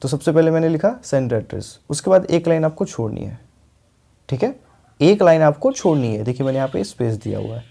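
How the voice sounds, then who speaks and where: Gravelly-voiced Hindi-speaking English teacher. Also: male voice, fairly high pitch, lively intonation, a little fast, mellow. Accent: Indian. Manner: explains step by step, keeps checking "ठीक है", "clear". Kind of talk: spoken English lesson.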